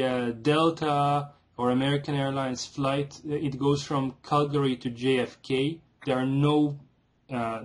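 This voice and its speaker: A man calling an airline as a customer, making a formal and insistent complaint in a halting way. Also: mid-range voice. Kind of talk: formal complaint on a phone call.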